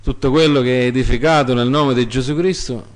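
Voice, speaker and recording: A man preaching a sermon, repeating phrases for emphasis and swinging between loud, high exhortation and quiet, low asides. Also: steady tone, brisk, slight background noise.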